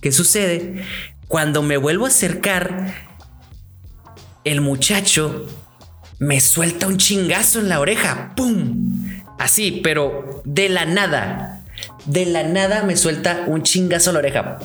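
A young man with a Mexican accent tells a personal story in a casual, animated way, full of slang and restarts. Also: a little high, unhurried, soft background music. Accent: Mexican Spanish.

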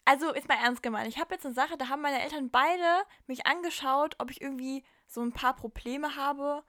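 High-voiced young woman, lively chat. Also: brisk, no room sound, studio quality. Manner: lively, laughing storyteller. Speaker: podcast co-host. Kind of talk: casual chat.

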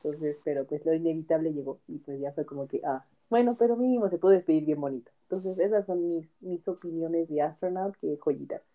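A woman's voice: low voice, a little fast, few pauses, phone-quality sound. A young woman chatting casually as a podcast co-host, talking in a wistful, slangy way. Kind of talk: casual chat.

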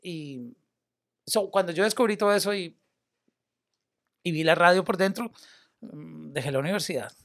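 A young man talks in a relaxed podcast conversation, his voice sitting notably high. He is animated and easygoing, sliding English words into his sentences. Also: moderate pace, creaky, pauses often. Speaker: media personality and former radio host. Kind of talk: casual podcast chat.

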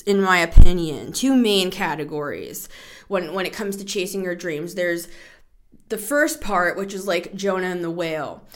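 A woman hosting a casual solo podcast, short of breath and taking deep breaths as she talks in a chatty, rambling way. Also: a bit bright. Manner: chatty and rambling, with frequent "like" fillers. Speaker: podcast host.

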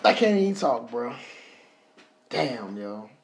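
A man's voice: medium pitch, big pitch swings, slow pace. Laughing man, echoey noisy room. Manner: loud, laughing banter. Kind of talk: casual chat. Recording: echoey room with audible noise.

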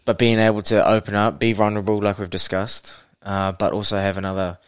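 Male podcast host, broad Kiwi accent, low dry-sounding voice, casual, slangy, sweary bloke chat. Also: little pitch movement, fairly quick, clean tone, dry recording. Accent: New Zealand.

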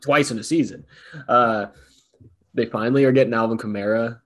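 A man's voice: mid-range voice, fairly even intonation, a little fast. A man co-hosting a sports podcast, talking loosely and in a rambling, self-deprecating way. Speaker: podcast co-host. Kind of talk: casual sports talk.

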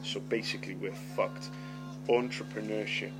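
Fairly low and fairly even in intonation, a middle-aged podcaster's voice moves at normal speed through a story, captured in a rough recording over loud music. He lisps and stammers, swearing freely and repeating words as he goes.

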